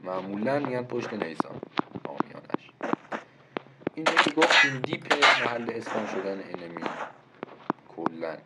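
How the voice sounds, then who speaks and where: A Persian-accented man casually explaining game map callouts, thinking aloud with pauses and self-corrections, over game audio with clicking. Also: fairly low pitch, lively intonation, very noisy. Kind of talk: casual gameplay walkthrough.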